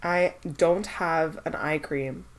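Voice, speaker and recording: Sounding stuffed up from a cold, a young woman reviews skincare samples in a relaxed product-testing vlog. She has a deep voice with fairly even intonation and a slow pace. This beauty vlogger is chatty, hesitant, and leans on many fillers while thinking aloud.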